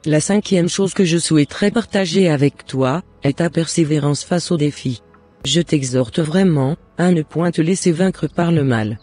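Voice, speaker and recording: This scripted cartoon dialogue has a man playing a devout and loving mother who earnestly encourages and advises her son using formal words. His voice is on the high side and a little mellow, at normal speed and close to an everyday voice, with faint music behind.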